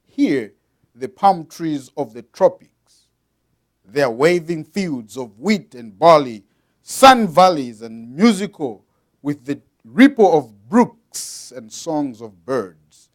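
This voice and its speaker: A man from Zambia preaching a sermon, explaining patiently to the congregation and reading aloud with dramatic swings in loudness. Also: fairly high pitch, big pitch swings, slow pace.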